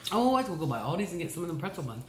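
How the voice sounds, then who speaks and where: A middle-aged woman talks casually to the camera while chewing, with mumbled pauses between mouthfuls. Her pitch moves around in a lively way. The room adds noticeable echo, with faint noise behind her. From Ohio, United States. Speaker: eating-show host. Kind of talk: casual chat to camera during a meal. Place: indoor room at a table. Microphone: camera across the table.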